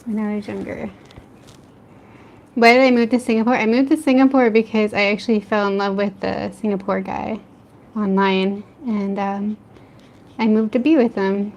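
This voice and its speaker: On a lo-fi recording, an American art streamer from the East Coast chats with viewers while drawing late at night at home, laughing often between remarks. She answers live chat in a mid-range voice with little pitch movement and a moderate pace.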